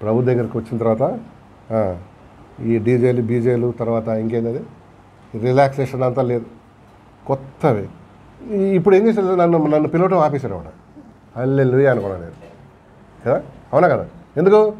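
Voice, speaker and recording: A man's voice: medium pitch, lively intonation, normal speed, pauses often, lo-fi sound, slight background noise. A man with a Telugu accent preaching a sermon in a church, asking the congregation questions and acting out quotes along the way. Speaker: pastor. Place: church hall.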